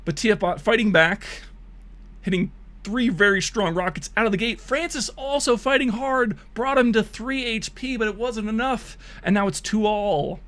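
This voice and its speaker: At a moderate pace, a man with a high, slightly bright voice narrates bot matches like hyped esports play-by-play on stream. He laughs and jokes crudely while his voice gives out.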